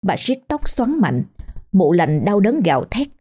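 Slow, husky woman telling a horror story. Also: medium pitch, big pitch swings. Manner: slow, hushed and ominous. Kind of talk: scripted horror narration. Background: faint music.

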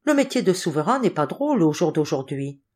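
A woman's voice: low voice, sing-song, brisk, darkish tone. A woman reading the part of a plain-spoken male filing clerk speaking in a convinced tone. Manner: assured, blunt.

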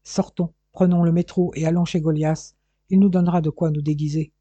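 A man's voice: fairly high pitch, little pitch movement, mellow, dry recording, close to an everyday voice. A man voicing a scheming male bandit who sneers and gives orders in a hurry, on a dull, dry recording. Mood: mocking. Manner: sneering, commanding, hurried.

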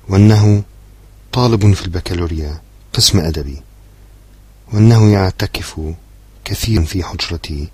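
Brief: low, husky-voiced male narrator for a literary audiobook, measured and steady. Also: dry recording.

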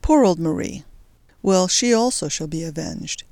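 A reader voicing a young male Belgian resistance fighter, brisk and determined, in an audiobook story. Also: mid-range voice, animated, vocal fry, a little mellow, no echo. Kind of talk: audiobook character voice.

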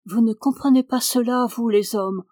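A woman voicing a grieving elderly mother, pleading in anguished outbursts, with a husky voice. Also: on the high side, steady tone, moderate pace, dark tone, no room sound, clean studio sound, voice pushed up, close to an everyday voice.

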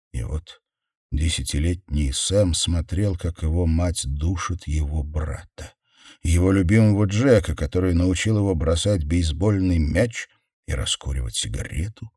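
A man narrating a horror audiobook in a measured, intense way, slowing down on key words. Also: deep voice, dark tone, husky, no room sound. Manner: measured, intense, with slowed stresses. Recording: dry close studio sound.

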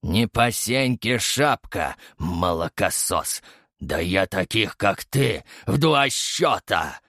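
A spiteful, menacing army officer with open contempt in his voice, as a man puts him on. He drags his threats out slow and low. The recording is dry and close. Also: animated, a bit bright, no room sound, full character voice. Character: spiteful, threatening male senior lieutenant officer.

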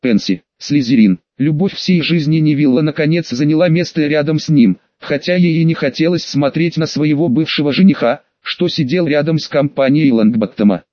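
A man's voice: a little high, no room sound. A man reading a fantasy audiobook as narrator, delivering the characters' lines in his own voice. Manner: even storytelling, quotes read in his own voice. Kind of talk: scripted narration. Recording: dry, dull lo-fi recording.

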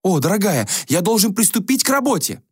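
A vain, flippant young prince, as a man puts him on in a storybook reading, drawling his scorn in a high, lilting voice. He sounds affected and mocking, swooping up and down. Dry, close sound. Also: very animated, fairly quick, slightly rough, no room sound, full character voice.

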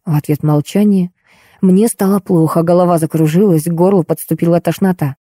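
A woman's voice: fairly low pitch, steady tone, fairly quick, mellow, no room sound, studio quality. Woman reading a wry detective novel. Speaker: audiobook reader. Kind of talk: first-person narration of an ironic detective novel.

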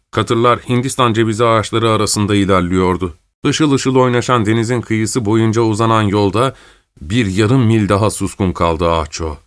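Man reading a story calmly. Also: lowish voice, no room sound. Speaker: narrator.

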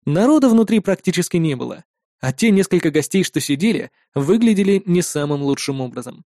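A man's voice: high-pitched, lively intonation, a little fast, warm tone, dry recording, studio quality. A man narrating a first-person fantasy story in a wry, ironic tone. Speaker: audiobook narrator.

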